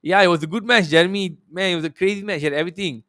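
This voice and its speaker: A man giving a casual, animated match reaction as a football fan, telling it emphatically in a conversational way. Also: high voice, rapid-fire, dry recording, studio quality.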